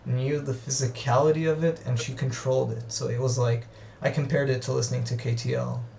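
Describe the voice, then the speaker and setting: A gravelly-voiced man speaks from some distance in a roomy space, with faint noise underneath. He talks haltingly in casual conversation, restarting often and reaching for words. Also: mid-range voice, flat delivery, warm tone. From grew up in the US, Australia and Israel. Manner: halting, many restarts and fillers. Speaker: interviewee. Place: lives in Israel.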